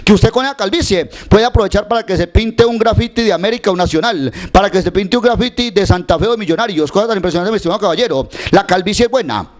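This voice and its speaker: A brash Colombian snake-oil healer with a Paisa accent, acted by a male comedian, works his crowd in a high voice. The mock-serious, teasing hawker's patter comes out fast and declamatory, straight into a handheld mic. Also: lightly acted. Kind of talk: comic street-hawker monologue. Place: small indoor space before a show banner. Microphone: handheld microphone held close.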